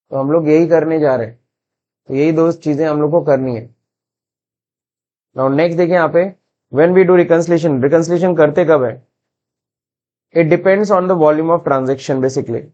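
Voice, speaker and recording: A man's voice: fairly high pitch, a little mellow, dull audio. Man teaching accounts in a mixed Hindi-English lesson. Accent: Indian English. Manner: mixes Hindi and English, asks and answers his own questions. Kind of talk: screen-recorded classroom lesson.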